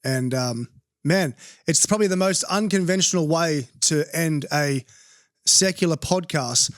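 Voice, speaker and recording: A man's voice: a little high, unhurried, no room sound, clean studio sound. A male podcast host closing an interview and leading a prayer in an affirming way.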